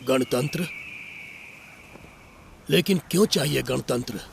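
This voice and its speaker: An actor dubbing a stern male official who talks in a measured, skeptical way. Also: mid-range voice, creaky, a little hiss or hum. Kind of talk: film dub.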